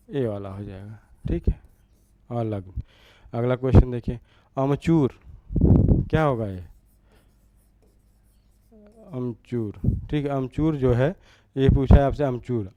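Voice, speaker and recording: Dark-voiced man teaching Hindi word forms. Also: medium pitch. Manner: repeats each word and asks rhetorical questions. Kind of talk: exam-prep Hindi grammar lesson.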